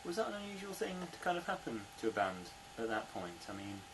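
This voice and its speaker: A man's voice: mid-range voice, sing-song, quick pace, background noise. A male interviewer asking loose, hedging questions full of fillers.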